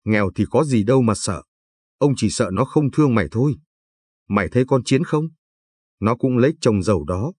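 A man's voice: mid-range voice, animated, normal speed, darkish tone, slightly rough, no room sound. A man voicing a kindly old village grandfather in a told story, talking in a patient, advising way.

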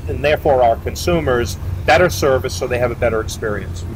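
A middle-aged man speaks for a boat maker, sitting outdoors next to a boat and answering interview questions in a loose, rambling way full of fillers and restarts. His mid-range voice is brisk, the audio is poor, and outdoor noise carries in the background.

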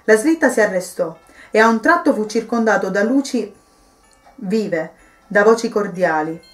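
Woman, storyteller, calm measured reading, mid pitch, soft background music. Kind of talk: reading a Christmas story aloud.

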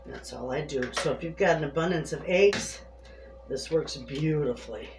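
With music playing behind her, a woman with a deep voice talks at a normal pace as she prepares food, speaking straight to her audience in a chatty, homey way. She runs a homesteading cooking channel, and this casual demonstration is recorded in an echoey kitchen with obvious background noise.

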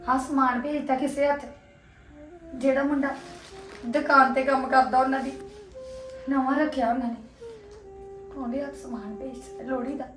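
A woman playing a quiet, hurt young wife. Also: high voice, fairly even intonation, moderate pace, pauses often. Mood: subdued. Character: young wife, hurt her family stayed away. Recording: echoey room, mic far off, soft music.

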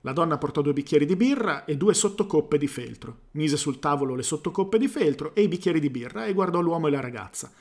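Guy reading a story out loud on his stream, slightly high voice, trips up now and then and rereads bits. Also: expressive. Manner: unhurried reading, stumbles and rereads a line. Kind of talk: live reading aloud with asides. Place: home streaming setup.

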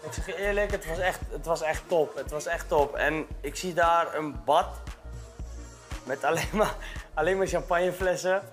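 Excitable young man, high voice. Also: moderate pace, faint music behind. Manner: excitable, loud. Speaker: reality show contestant. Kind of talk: casual chat.

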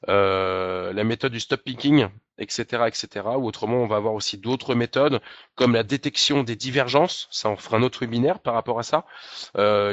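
A man presenting trading software in a webinar, talking casually with many fillers and tag questions. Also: mid-range voice, no echo. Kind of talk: webinar screen-share demonstration. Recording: dull, dry lo-fi webinar audio.

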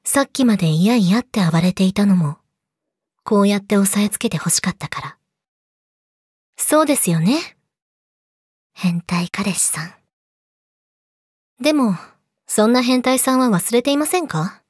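A young woman playing a yandere girlfriend in a role-play audio drama, politely sweet, possessive and menacing, slipping into breathy whispers, close to the mic. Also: a little high, animated, normal speed, a little mellow, dry recording. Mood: teasing, domineering. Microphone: close studio mic, dry.

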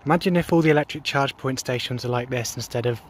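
A man's voice: medium pitch, quick pace, slight background noise. A man giving a casual, rambling vlog walkthrough, filmed outdoors on a handheld phone. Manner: relaxed, rambling with many ums and restarts. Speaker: vlogger. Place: outdoors at a rural charging station and van.

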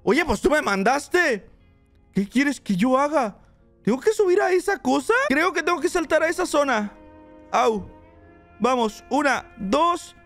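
A young man giving excited let's play commentary, chatting to his viewers as he plays. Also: extremely high pitch, unhurried, faint music behind. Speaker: gaming channel host.

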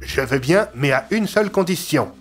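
A man's voice: a little high, expressive, moderate pace, faint music behind, voice pushed up, lightly acted. A man doing a cheeky old Dokipa. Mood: teasing.

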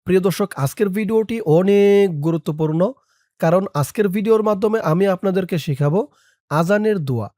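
Man, religious teacher, high-ish voice, word-by-word chanted recitation, fast explaining in between. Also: dark tone, no echo, studio quality. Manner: slow drawn-out chanting of each word, quick plain explanations between.

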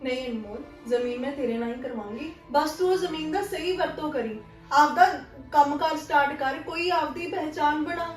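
An actress playing a sister who forgives her brother, earnest and gently firm. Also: high voice, moderate pace, echoey room, far from the mic, faint music behind, natural voice. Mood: forgiving.

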